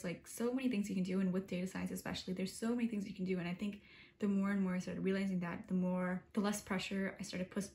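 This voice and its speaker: A young woman in her early twenties chats straight to camera in a relaxed vlog. She rambles, with "like" after every few words and modest, self-deprecating asides, in an ordinary mid-range voice. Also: medium pitch. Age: 20s. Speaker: college student vlogger. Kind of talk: casual talking-to-camera vlog.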